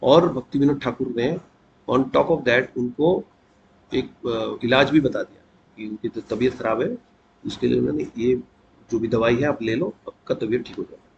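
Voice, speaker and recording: A man giving a conversational devotional talk, telling a saint's story and often clearing his throat. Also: mid-range voice, normal speed. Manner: conversational, mixes English words into Hindi. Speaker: devotional speaker. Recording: dull lo-fi with faint noise.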